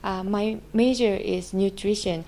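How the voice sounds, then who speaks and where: A woman from Japan introduces herself politely, with small hesitations. Her voice is soft and mellow, at a middle pitch. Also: steady tone, unhurried. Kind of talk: short self-introduction.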